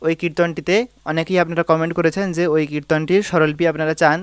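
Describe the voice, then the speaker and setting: In a dry recording, a man with a slightly high, clear, resonant voice talks fast with flat delivery. He has a Bengali accent and is teaching a devotional song on the harmonium, patiently explaining and singing short phrases to illustrate.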